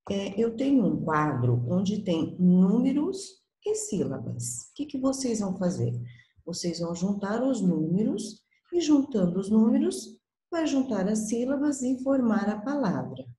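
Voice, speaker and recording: Patient teacher with an echoey, lively, low voice. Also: female voice, measured pace. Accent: Brazilian Portuguese. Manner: patient, coaxing, uses small diminutives and checks in often. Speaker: primary school teacher. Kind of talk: recorded class for young children. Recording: echoey room.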